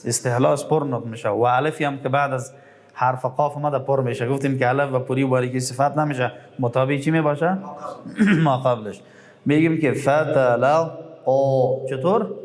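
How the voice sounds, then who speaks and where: A middle-aged man with an Afghan Dari accent teaching a Quran recitation lesson. He quizzes his listeners, answers his own questions, and draws out recited words slowly. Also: mid-range voice.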